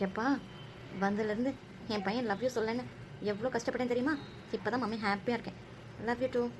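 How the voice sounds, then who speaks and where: Cartoon mother voiced by a woman, soothing and tender, pitched a little high, protective warmth in every line. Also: fairly even intonation, fairly quick, background noise, natural voice. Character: affectionate mother, gentle and protective. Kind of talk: cartoon drama voice acting.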